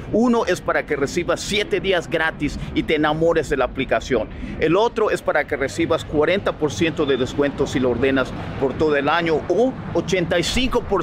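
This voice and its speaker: A man's voice: mid-range voice, background noise. Spanish-speaking man teaching pronunciation, echoey room. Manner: animated, demonstrates words in English by saying them wrong and right. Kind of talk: casual video lesson with app promotion.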